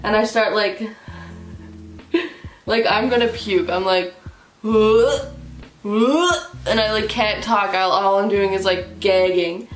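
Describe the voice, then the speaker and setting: A woman's voice: medium pitch, measured pace. A young woman telling a story in a casual vlog, laughing often and saying "like" a lot, putting on voices for the people in the story. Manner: giggly, laughs through the story, heavy use of "like"; acts out other people's lines in animated voices. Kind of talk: casual storytime while getting ready. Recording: echoey room with faint music.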